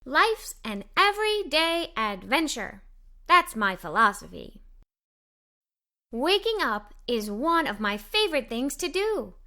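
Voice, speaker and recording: Slowly and in a sing-song way, a woman reads a children's story with expression as a cheerful young-girl narrator. Her high voice is bright and forceful, and the storytelling is scripted for kids.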